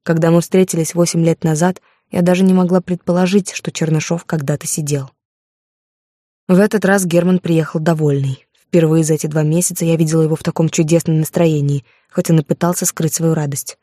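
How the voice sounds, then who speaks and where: A woman's voice: sits low, steady tone, brisk, warm tone, no room sound, studio quality. A woman narrating a first-person audiobook with a dramatic, emotional reading.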